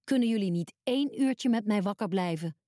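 A sorrowful, gentle grown man from a children's storybook, as a woman reader gives him voice. The tone is mellow and warm, with soft, earnest and grave delivery, and the sound is close and dry with no room around it. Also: mid-range voice, animated, fairly quick, no room sound, natural voice.

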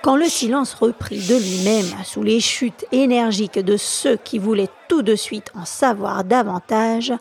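A woman podcast storyteller reading a classic novel aloud in a measured, expressive way. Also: on the high side, gravelly, some chatter behind.

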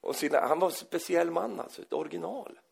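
A man preaching a sermon in an animated storytelling manner, often acting out the people he quotes. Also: on the high side, creaky, slightly rough.

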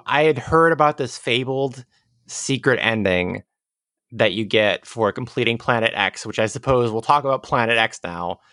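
A man's voice: mid-range voice, bright, forceful tone, dry recording, studio quality. A man chatting casually as a podcast co-host about a video game, with a wry, jokey, ironic way of riffing.

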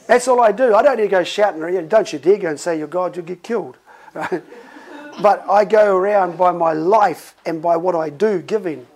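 Gravelly-voiced pastor guy, middle-aged, preaching like he's just chatting, tells stories, chuckles. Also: high-pitched, poor audio. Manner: conversational, animated storytelling with laughs. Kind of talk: sermon.

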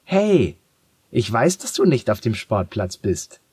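A man's voice: lowish voice, big pitch swings, normal speed, breathy edge, no echo, full character voice. A man voicing a spirited, curious little girl who speaks in an indignant, insistent way in a storybook reading.

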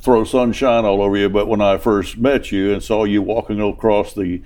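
A man's voice: fairly low pitch, fairly even intonation, moderate pace, a little mellow. Folksy Southern man hosting an interview. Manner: affable, chuckling, folksy. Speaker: interview host. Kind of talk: conversational interview.

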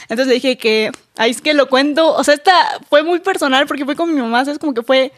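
A woman speaks as a podcast guest in relaxed conversation. She talks very quickly, emotional and confiding, in a slightly raised register. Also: high-pitched. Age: 20s. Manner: emotional, confiding, fast-talking. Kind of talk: casual chat.

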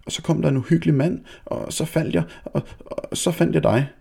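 A man's voice: on the high side, big pitch swings, creaky, dark tone, breathy edge, voice pushed up, full character voice. Frightened young girl, breathless rush of words, man putting it on. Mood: panicked. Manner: breathless rushed chatter.

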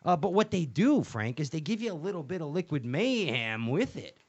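A man's voice: on the high side, sing-song, normal speed, a little mellow. A man hosting a casual fishing chat, joking and rambling with lots of fillers and restarts. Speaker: host. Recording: dull lo-fi sound.

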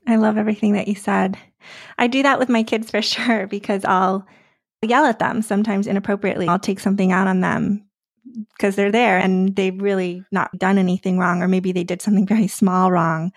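A woman's voice: medium pitch, flat delivery, brisk, creaky, no room sound, clean studio sound. A woman hosting an interview, talking in a candid, chatty way. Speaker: podcast host. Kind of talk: conversational interview.

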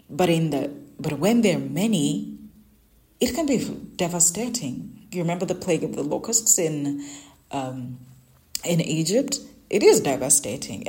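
On her Bible devotional podcast, a young woman whose native tongue is Luganda shares personal reflections and teaching drawn from scripture and her own experiences. She sounds earnest and conversational, with a deep, somewhat mellow voice.

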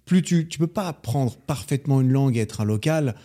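Male podcast guest, hesitant and thoughtful, mellow timbre. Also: medium pitch, animated, a little fast. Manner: thoughtful, hesitant, restarts often. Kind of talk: casual podcast chat.

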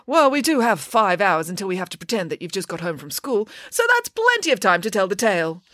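A woman's voice: mid-range voice, very animated, fairly quick, a bit bright, dry recording, pitched above the performer's own voice. A woman voicing a grand, vain, cake-loving female pig nanny who boasts in a theatrical way. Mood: grandly boastful.

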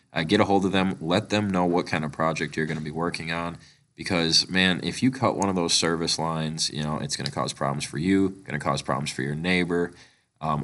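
A male podcast host fighting a chest cold, talking a bit monotone with lots of fillers as he reads a sponsor spot. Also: low voice. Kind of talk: sponsor read and interview.

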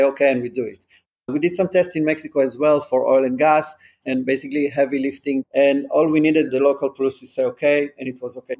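A man's voice: mid-range voice, a little mellow. Male company founder, interview guest; earnest and practical, builds his points from examples. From Israel. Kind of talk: conversational interview answers.

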